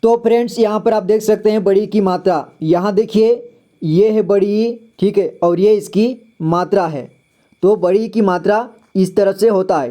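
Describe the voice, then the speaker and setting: A man teaching a reading lesson, sounding out syllables slowly, repeating each word and quizzing the listener. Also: high-pitched, dark tone. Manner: patient, repeats words, quizzes the viewer. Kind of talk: slow classroom-style reading lesson.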